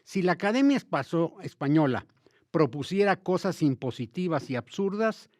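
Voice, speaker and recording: A Mexican man with a Mexican Spanish accent talks about the Spanish language in a conversational way, emphatic and lively, turning often to his listeners. His voice sits a little high for a man. The recording is dry and close, with almost no room sound. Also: normal speed, no room sound. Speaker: host of a language talk show. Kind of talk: conversational explanatory talk.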